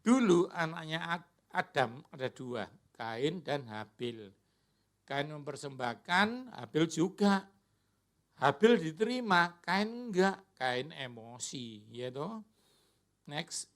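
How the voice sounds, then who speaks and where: Pastor preaching in church. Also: male voice, fairly high pitch, expressive, slow pace, a bit bright. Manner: colloquial preaching, acts out quoted voices. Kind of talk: sermon. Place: church worship service.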